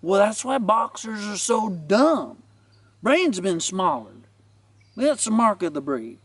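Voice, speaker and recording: A man's voice: sits high, big pitch swings, slow pace, fairly bright tone, no room sound, recorded from a distance, exaggerated voice. A man voicing a cocky, wisecracking male ranch dog who taunts with a mocking drawl. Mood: taunting.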